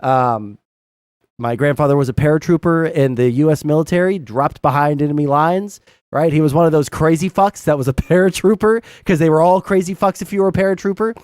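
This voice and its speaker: Hosting a casual live stream and reading chat, a young Southern-accented man from Southern Arkansas rambles bluntly, swearing and using plenty of fillers. He sounds a little high and a little mellow, fairly quick, with a clear, resonant tone. The clean studio recording has no echo.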